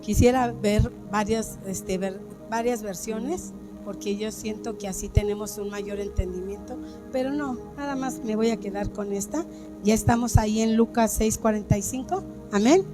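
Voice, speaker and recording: A woman's voice: medium pitch, normal speed, music in the background. A woman pastor preaching a sermon, asking the congregation questions and acting out the dialogue of an anecdote. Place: church.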